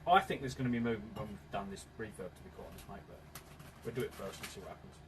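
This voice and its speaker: Fast-talking blunt mechanic, off-mic. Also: male voice, fairly low pitch. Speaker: mechanic helping with the van. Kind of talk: casual work talk. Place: vehicle workshop. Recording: distant mic in a noisy workshop.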